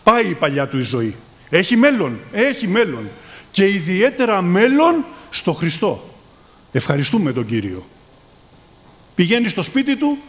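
A man delivering a sermon, addressing his listeners as brothers. His voice sits high and moves a lot, climbing for emphasis and dropping low and soft at the ends of phrases. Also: huge pitch swings, pauses often. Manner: calls listeners brothers, voice rising and falling in emphasis. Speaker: preacher.

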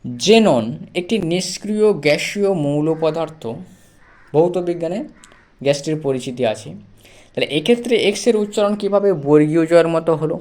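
A man teaching English pronunciation in a slow, step-by-step lesson. He spells letters out one by one, repeats each sound several times, and speaks to the learner directly and patiently. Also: a little high, a little mellow.

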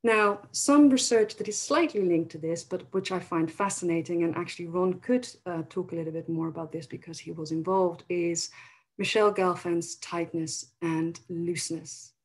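A woman's voice: fairly low pitch, steady tone, moderate pace, a little mellow, husky, poor audio. A woman from the Netherlands with a Dutch accent, giving a thoughtful webinar presentation with frequent fillers over a video call. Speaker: academic presenter.

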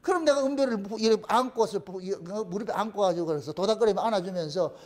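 A middle-aged man preaches with lively energy, and his voice sits very high for a man. He peppers the congregation with rhetorical questions and acts out the people in his stories. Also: quick pace. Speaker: pastor. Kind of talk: sermon.

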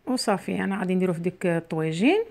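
A middle-aged Moroccan woman talks her viewers through a recipe in a relaxed, chatty way. She keeps calling them "girls" and adds asides as she works. She is recorded in her home kitchen on a camera set on the counter. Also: on the low side, rapid-fire, gravelly. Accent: Moroccan Arabic. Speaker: cooking channel host. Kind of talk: casual cooking vlog chat. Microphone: camera near the worktop, speaker mostly off frame.

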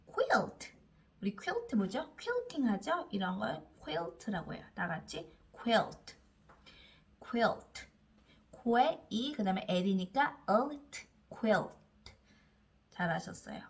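A woman leads a phonics lesson, stretching each letter sound very slowly and drawing it out. Her pitch bounces around a lot as she coaxes the listeners to repeat each word after her. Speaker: English reading teacher. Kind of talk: slow phonics lesson for learners.

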